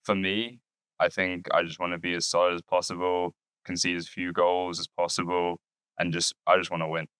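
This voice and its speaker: A man's voice: low voice, monotone, moderate pace, fairly bright tone, clear, resonant tone, no echo. A young man, a college soccer player giving direct, plainspoken interview answers. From England. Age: young adult.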